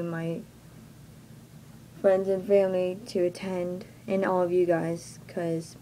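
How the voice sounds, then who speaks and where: A young woman with a Texan accent talks into her webcam from a small bedroom, slowly and a bit self-consciously, often reaching for "like." Her voice is soft and mellow. A faint hiss of room noise sits under the recording. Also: medium pitch, rough recording. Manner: hesitant, filler-heavy, self-conscious. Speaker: vlogger. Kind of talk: casual announcement to viewers. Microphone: webcam at close range.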